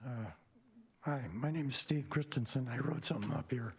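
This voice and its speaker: A man in his seventies with a hoarse, raspy, papery near-whisper, giving a prepared self-introduction in a halting, measured way. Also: medium pitch. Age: 70s. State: hoarse, recovering voice after a throat tube. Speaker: commission member.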